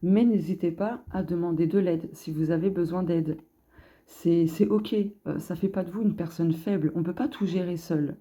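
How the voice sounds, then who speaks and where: A woman doing a casual card reading, thinking aloud in a chatty, upbeat way. Her voice sits a little low and sounds very dark and mellow. She hesitates often and fills the gaps with filler sounds. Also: moderate pace. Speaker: card reader giving a collective astrology guidance.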